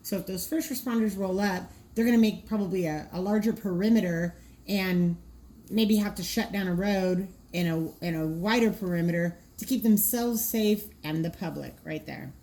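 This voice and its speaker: At a normal speed and medium pitch, a warm-voiced woman takes listeners through draft dispatcher training cards. She speaks as an informal trainer, practical and explanatory, often working through her thoughts out loud.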